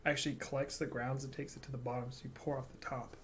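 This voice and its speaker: A man's voice: mid-range voice, flat delivery, quick pace, a bit bright, a little hiss or hum. A man co-hosting a casual reaction livestream, chatty and joking as he reads viewer comments aloud. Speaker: reaction channel co-host.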